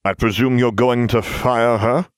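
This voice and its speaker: A man voicing a cold, sneering male potions master in a storybook reading, with a slow, clipped drawl. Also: medium pitch, fairly even intonation, smooth, dry recording, studio quality, pitched above the performer's own voice, close to an everyday voice.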